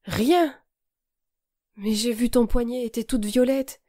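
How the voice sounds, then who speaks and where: A remorseful young man speaks haltingly, his voice strained and unsure, read by a woman. The tone is soft and mellow rather than bright. The audiobook is recorded dry and close, with no room sound. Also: fairly low pitch, fairly even intonation, dry recording, lightly acted. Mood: distraught. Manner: hesitant, strained.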